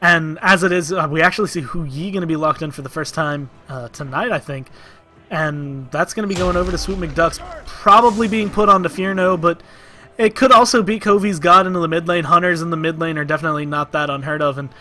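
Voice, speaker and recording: A man co-casting a video game match, giving steady analysis of team picks and bans. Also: fairly high pitch, a little fast, soft background music. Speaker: esports co-caster. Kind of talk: esports casting commentary.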